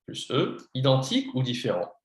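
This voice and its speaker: This mid-range male voice swoops wildly in pitch at a moderate pace, with reverberation around it. He's a patient tutor in a slow, repetitive one-on-one beginner French lesson, spelling words letter by letter and explaining in English.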